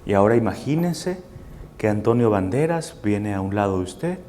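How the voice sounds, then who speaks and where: A man's voice: lowish voice, animated, normal speed, warm tone. A man giving a live lecture to a seated class, explaining step by step and checking for agreement with short questions. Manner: explanatory, seeks assent with tag questions. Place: room with a seated audience.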